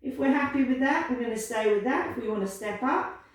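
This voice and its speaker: A woman leading a pilates class, giving calm, encouraging cues and counting down holds. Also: high voice, brisk. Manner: encouraging, gentle cueing, counts down aloud. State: slightly out of breath at times. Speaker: pilates instructor. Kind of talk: guided exercise class instruction. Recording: echoey room, voice from a distance.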